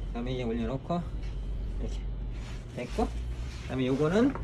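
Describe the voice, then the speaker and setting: A man's voice: medium pitch, big pitch swings, a little fast. A man teaching barbering hands-on in a classroom, giving repetitive, direct instructions and sharply correcting students. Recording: noisy room recording.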